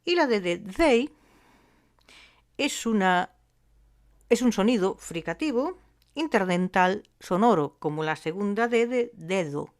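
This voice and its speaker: A woman gives a phonetics lesson. She speaks very slowly and deliberately, pausing between each term as she breaks sounds down. Her voice sits at a middle pitch. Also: lively intonation. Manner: slow and deliberate, spelling out sounds with pauses. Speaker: language teacher.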